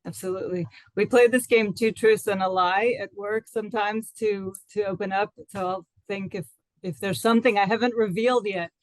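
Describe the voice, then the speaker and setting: A woman's voice: mid-range voice, steady tone, moderate pace, dry recording, low-quality recording. Thoughtful woman, dry close sound. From United States. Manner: thoughtful, many restarts and fillers. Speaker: guest. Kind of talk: casual interview talk.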